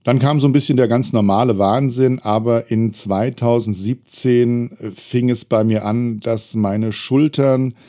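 A middle-aged self-employed trainer tells his own story of setbacks in a personal storytelling talk, candid, reflective, and wry. His medium-pitched voice is warm, with fairly even intonation, and he speaks unhurriedly with few pauses.

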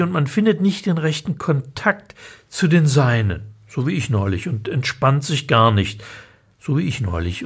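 A man's voice: a little high, slightly rough. A man reads his own humorous column aloud, telling it in a dry, ironic way and acting out the quoted lines. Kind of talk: expressive reading of a humorous column.

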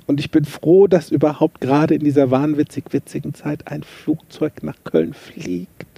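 Lively man chatting on a podcast. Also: fairly high pitch, creaky, slightly rough, no echo. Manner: chatty, self-mocking, lively storytelling. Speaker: podcast host, coach. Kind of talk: casual motivational podcast monologue.

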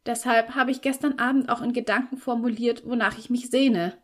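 A woman's voice: on the high side, steady tone, fairly quick, pitched above the performer's own voice, lightly acted. A shy yet stubborn teenage girl, put on by a woman narrator, her voice lifted well above the reader's own. She talks earnestly and with a pleading edge, easily flustered. Heard in an audiobook. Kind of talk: audiobook reading.

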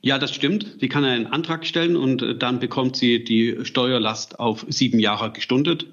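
A man's voice: medium pitch, normal speed, a bit bright, lo-fi sound. A man explaining tax details matter-of-factly as a podcast guest expert.

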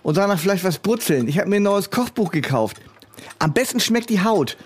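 A man with a high voice bantering through an absurd comedy sketch. He stumbles and stammers, fussy and hesitant. Each line comes out haltingly. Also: lively intonation, breathy edge. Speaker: comedy duo partner.

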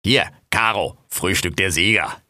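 A man voicing a brash, foul-mouthed male raccoon, loud and jumpy in an audio drama. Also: low-pitched, measured pace, no room sound, studio quality, exaggerated voice. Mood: offhand. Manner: loud, cursing, jumpy and excitable.

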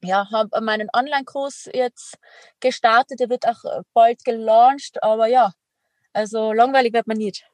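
This Austrian extreme athlete and entrepreneur from Tyrol, a young woman, is a guest in a relaxed podcast interview. She speaks at a measured pace with a fairly high pitch and fairly even intonation, no room sound, sounding upbeat and sprinkling in fillers and laughs.

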